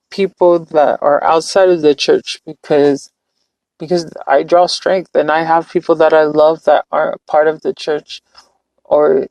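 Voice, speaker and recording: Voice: medium pitch, creaky, darkish tone, dry recording, rough recording. A live-streamer from California talking in a casual, earnest, reflective way, rambling with frequent restarts. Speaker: livestreamer.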